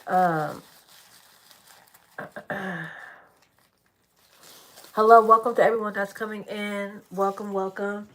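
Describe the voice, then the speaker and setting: A woman in her thirties hosting a casual live stream, greeting viewers, reading out their comments and clearing her throat often. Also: mid-range voice, fairly even intonation, slow pace, pauses often, a bit bright. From California. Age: 30s.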